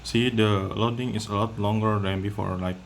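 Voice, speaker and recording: A man giving casual gameplay commentary from home, talking in a halting way with loose phrasing and many pauses. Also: lowish voice, fairly even intonation. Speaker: gameplay video maker. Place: at home with a cat nearby. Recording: noisy background hiss.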